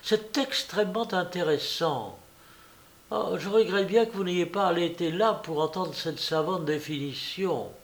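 A woman's voice: fairly low pitch, a little slow, pitched above the performer's own voice. A man voicing an effusive, fawning society hostess in a read-aloud story. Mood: gushing. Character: gushing, simpering society hostess woman.

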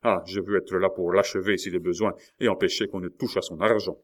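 A man's voice: sits low, steady tone, brisk, lightly acted. A man voicing a rash, hot-blooded young nobleman who blusters and exclaims. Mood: blustering.

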